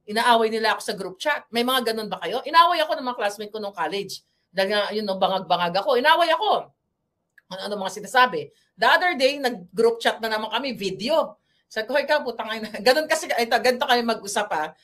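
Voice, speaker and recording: A fairly high-pitched woman from the Philippines talking straight to her viewers in a loose political commentary vlog. She is blunt and combative and chats at length, sliding between Tagalog and English as she goes. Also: expressive, quick pace, bright, forceful tone. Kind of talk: casual political commentary monologue.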